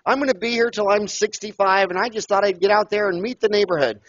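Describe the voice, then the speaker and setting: An older man and dentist, talking loudly and emphatically, telling stories in an animated interview over a headset mic on a video call. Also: sits high, quick pace, no echo. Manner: loud, emphatic, storytelling. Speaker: dentist and podcast guest. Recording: dull, lo-fi call audio.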